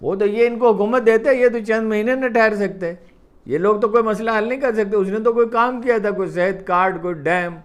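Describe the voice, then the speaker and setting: A man delivering a political commentary monologue, emphatic, often repeating his points for stress. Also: high-pitched.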